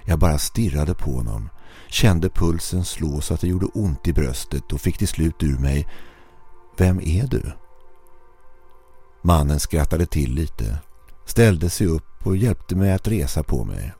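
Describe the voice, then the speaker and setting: A man narrating a scripted horror story in a measured, steady way. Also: rumbling low, slightly rough, faint music behind.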